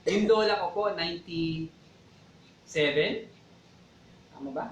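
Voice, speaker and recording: A man's voice: sits high, expressive, slow pace, roomy sound, a crowd in the background, low-quality recording. A man co-hosting a church talk show, speaking conversationally and exhorting listeners as brothers and sisters. He keeps checking in with "di ba". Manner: conversational, repeats "di ba" often, exhorts "mga kapatid". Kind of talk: casual faith talk, preachy asides.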